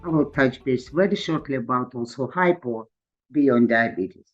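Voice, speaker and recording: A man from Georgia, an endocrinologist, giving a conference presentation over a video call in halting non-native English with many fillers. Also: mid-range voice, highs cut off, soft background music. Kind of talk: webinar presentation.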